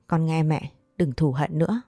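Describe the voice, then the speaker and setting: A woman's voice: deep voice, moderate pace, dark tone, dry recording, studio quality, faint music behind. A woman reading the lines of a weary, remorseful older mother in an audio story, with a sorrowful manner. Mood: pleading. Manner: pleading, sorrowful.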